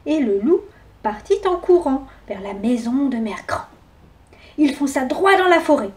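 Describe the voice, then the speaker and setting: A woman reads a children's story aloud with lively expression and a high voice. Her telling is animated and warm toward young listeners. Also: a little slow.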